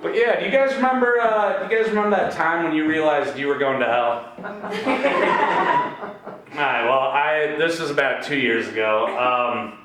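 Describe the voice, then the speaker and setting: A man's voice: a little high, normal speed, a crowd in the background. A man performing a stand-up comedy set with crude, profane storytelling in an acting studio. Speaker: stand-up comic. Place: acting studio, in front of a small audience. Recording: echoey room from a distant camera, noisy.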